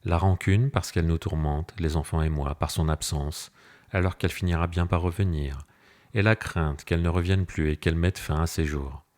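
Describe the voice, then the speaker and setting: A man narrating a classic novel aloud in measured, grave first-person reading. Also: low-pitched, steady tone, a little mellow. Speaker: audiobook narrator. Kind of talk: scripted literary narration.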